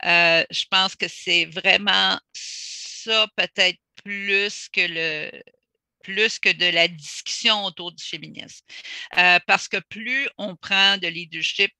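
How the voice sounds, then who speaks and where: A woman takes part in a panel discussion over a video call. She speaks slowly and deliberately, stopping to find her words. Her voice is very bright and gravelly, and the sound is dry and close. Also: medium pitch, steady tone, dry recording. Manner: measured, thoughtful, pauses to search for words.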